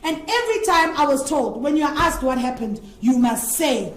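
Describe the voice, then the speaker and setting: A woman's voice: high-pitched, animated, normal speed, a little hiss or hum. A woman from Africa, an interview guest telling her personal story in an earnest, rambling way. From South Africa. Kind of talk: candid personal testimony. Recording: echoey room.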